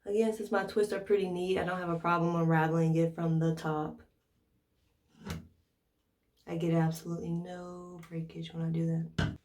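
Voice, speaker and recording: Demonstrating in a relaxed tutorial, an American hair care vlogger thinks aloud as she talks to viewers. Her lowish, darkish voice is flat, at a moderate pace broken by long pauses. Captured from a distance, the sound has a roomy echo.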